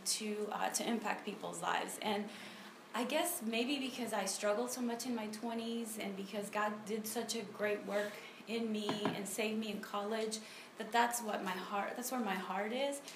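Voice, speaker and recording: Speaking at a moderate pace, with medium pitch and fairly even intonation, a Honduran woman in her thirties delivers a casual testimony with prayer at a church ministry meeting. She's conversational and keeps restarting, with many ums. A phone on a table records her amid echo and noticeable background noise.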